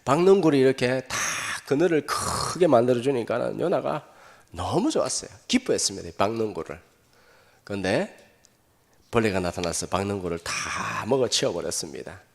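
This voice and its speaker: Gravelly-voiced pastor preaching. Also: male voice, medium pitch, normal speed. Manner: animated storytelling, rhetorical questions to the congregation, chuckles. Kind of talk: sermon. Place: church sanctuary. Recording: echoey hall.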